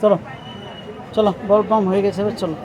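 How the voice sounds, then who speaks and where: A woman's voice: mid-range voice, fairly even intonation, brisk, a loud crowd. A woman from West Bengal filming her children for a casual family vlog, coaxing them along with short, repeated commands. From West Bengal, India. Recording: noisy phone recording.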